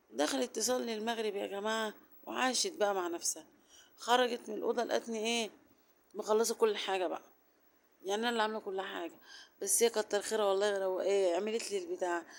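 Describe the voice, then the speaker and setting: A woman with an Egyptian accent rattles along quickly through a casual home vlog. Her throat is sore, so her voice comes out strained and hoarse. She keeps up a rambling, chatty flow full of fillers. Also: mid-range voice. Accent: Egyptian Arabic. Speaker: home vlogger.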